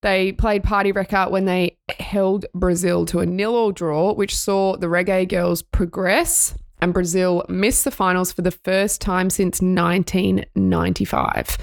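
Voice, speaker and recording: A woman's voice: lowish voice, flat delivery, measured pace, gravelly, few pauses, dry recording. A woman co-hosting a women's sports podcast, reading news items and laughing often. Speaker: podcast co-host. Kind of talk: casual sports podcast chat.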